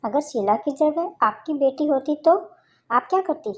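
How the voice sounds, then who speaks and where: A woman's voice: high-pitched, expressive, a little slow, a little mellow, voice pushed up. A woman voicing an indignant young husband. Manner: reproachful, indignant. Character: indignant young husband defending his wife.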